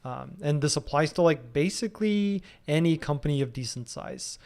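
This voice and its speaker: A man's voice: a little high, expressive, moderate pace, a little mellow. A man in his thirties answering viewer questions casually in a live stream, thinking aloud with frequent ums and restarts. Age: 30s.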